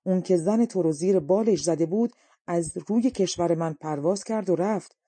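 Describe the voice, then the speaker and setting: A woman's voice: fairly low pitch, husky, no echo. A woman voicing a commanding male dragon king in an audiobook story. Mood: alarmed. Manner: loud, commanding.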